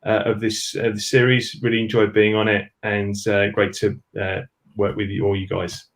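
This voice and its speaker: Low-voiced hesitant filmmaker guest. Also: male voice, level tone, moderate pace. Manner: hesitant, many fillers. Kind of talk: casual thanks.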